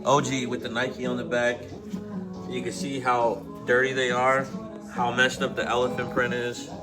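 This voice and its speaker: A man's voice: medium pitch, completely flat delivery, normal speed, over music. A man hosting a vlog from his barbershop, joking and laughing with coworkers in casual banter.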